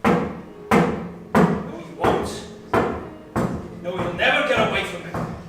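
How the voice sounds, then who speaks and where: An actor playing an ominous stage narrator, menacing and building to shouts. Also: male voice, sits high, measured pace, heavy background noise. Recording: echoey stage from far off, loud music.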